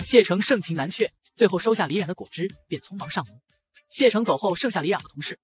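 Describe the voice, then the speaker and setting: Fast, high-voiced male narrator. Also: expressive, faint music behind. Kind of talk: audio comic narration.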